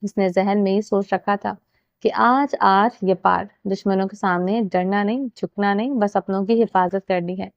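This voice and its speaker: A woman reading a dramatic romance novel aloud as narrator, with steady storytelling. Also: mid-range voice, no echo, highs cut off. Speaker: audiobook narrator.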